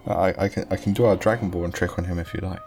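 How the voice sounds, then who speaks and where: A man's voice: deep voice, fairly even intonation, fast, a little mellow, soft background music. A man playing a tabletop role-playing game, talking casually in character.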